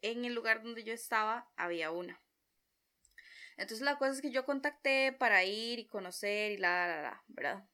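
This young vlogger speaks with a Costa Rican Spanish accent, her voice on the high side and her pace moderate. She tells a personal story in a chatty, expressive way, acting out her own reactions as she goes.

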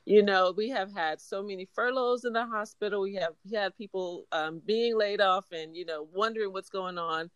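A woman's voice: mid-range voice, moderate pace, few pauses, smooth, no room sound. A woman hospital chaplain speaking earnestly about her faith and work. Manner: warm, earnest, faith-filled. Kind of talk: casual interview chat.

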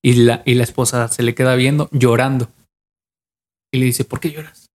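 A man's voice: medium pitch, level tone, normal speed. A young adult man with a Mexican accent casually retells a legend from memory on a podcast, often repeating and restarting his phrases. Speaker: podcast co-host.

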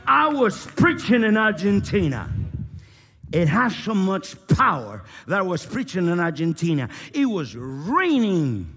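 A man preaching a sermon in English with small grammar slips. He swings between loud rousing calls and soft, close prayer. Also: huge pitch swings, a little slow, breathy edge, soft background music. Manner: shouting and rousing at high pitch, then dropping to a quiet, intimate tone.

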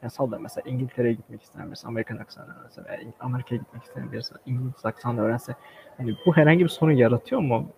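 Brief: male host, very quick and gravelly, casual rambling questions. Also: medium pitch, warm tone, a little hiss or hum, low-quality recording. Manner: casual, rambling, with many "hani" fillers. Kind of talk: interview chat.

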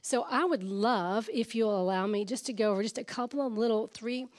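An older woman speaks in a hoarse, raspy voice that sounds nearly lost. She gives an informal talk to a church audience. Her manner is chatty and self-deprecating. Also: fairly high pitch, a little fast, a little mellow. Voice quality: raspy, strained. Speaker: guest speaker.

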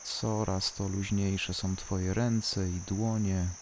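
Very slow, low-pitched guided relaxation voice. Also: a little hiss or hum. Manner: calm, unhurried, soothing delivery with long pauses. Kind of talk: slow guided body-scan meditation.

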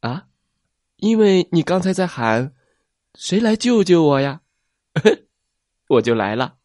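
A man's voice: on the high side, very animated, slow pace, darkish tone, dry recording, clean studio sound, voice pushed up. A man doing a kind, cheerful sea reptile. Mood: friendly.

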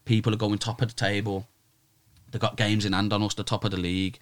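A fast-talking man with a low-ish, fairly monotone voice is recorded dry. Playing a Sunday league football manager in an interview, he keeps the chat casual and lively, leaning hard on roadman slang and repeating "bruv" and "innit" with emphasis.

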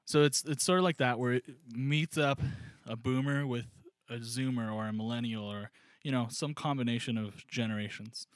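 A man with a mid-range voice co-hosts a comedy podcast, chatting casually at a moderate pace. He rambles and jokes with lots of fillers, and the recording is dry.

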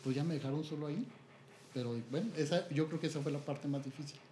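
Mexican priest telling a story in a roomy space. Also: male voice, a little high, quick pace, slight background noise. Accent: Mexican Spanish. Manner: animated, acts out quoted dialogue. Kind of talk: storytelling testimony. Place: at home.

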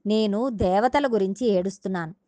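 A woman's voice: mid-range voice, moderate pace, warm tone, no echo, natural voice. A woman voicing the Earth as a grieving mother cow who explains her sorrow patiently while retelling a sacred story.

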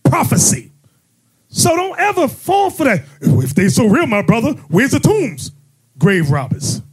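A man acting as bishop and host, preaching in a fiery way, mocking and often shouting. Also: extremely high pitch, wildly swooping pitch, measured pace, husky.

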